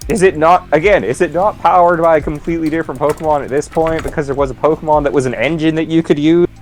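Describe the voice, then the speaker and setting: A man's voice: on the high side, steady tone, quick pace, a little hiss or hum. A man co-hosting a let's play, rambling casually with lots of "like" and restarts and laughing often. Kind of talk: casual gaming commentary.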